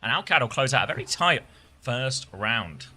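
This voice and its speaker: Bright excited man calling esports. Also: soft background music. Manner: fast excited calls that jump in pitch on big plays. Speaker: esports co-streamer commentator. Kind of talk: live esports play-by-play commentary.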